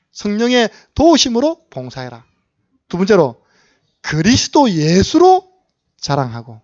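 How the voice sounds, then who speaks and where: A man's voice: fairly high pitch, no echo, muffled recording. A male pastor preaching a sermon, asking the congregation questions and acting out short dialogues.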